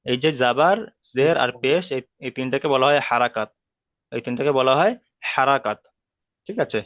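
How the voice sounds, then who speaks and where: A male teacher leads an online class, drilling each sound slowly and patiently. His voice comes through a narrow, tinny, phone-like line. The sound is dry and close, with no room echo. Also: mid-range voice. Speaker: Arabic reading teacher.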